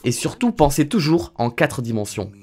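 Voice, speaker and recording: A man's voice: fairly high pitch, sing-song, moderate pace, a little mellow, husky, exaggerated voice. A man reading the lines of a clever, haughty male detective in a video game, in a lofty, theatrical way.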